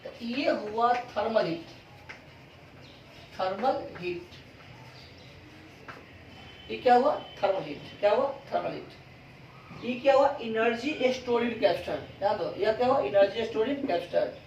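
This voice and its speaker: A man's voice: high-pitched, expressive, moderate pace, a little mellow, dull audio, a little hiss or hum. A male physics teacher giving a classroom lecture, asking questions and answering them himself. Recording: roomy classroom sound from a distance.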